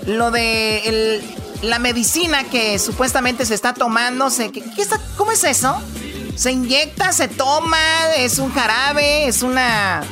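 A woman's voice: fairly high pitch, music in the background. A woman co-hosting a radio show and introducing a guest. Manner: chatty, brisk. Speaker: radio co-host. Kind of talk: radio chat, translating a clip.

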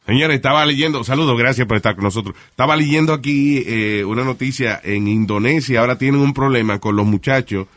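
A man hosting a comic radio talk show, switching between Spanish and English with a joking, animated delivery. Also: medium pitch, brisk, few pauses. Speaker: radio host.

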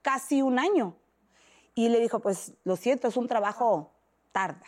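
A woman's voice: a little high, moderate pace. A woman in her thirties with a Mexican accent, telling a personal story as an interview guest, acting out the voices of others. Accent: Mexican Spanish. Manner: animated, acts out quoted voices.

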